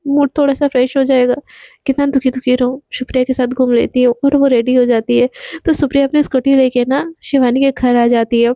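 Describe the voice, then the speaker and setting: High-voiced woman telling a story. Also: little pitch movement, fairly quick, dark tone, no room sound, clean studio sound. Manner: chatty, dramatic retelling. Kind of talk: casual story narration.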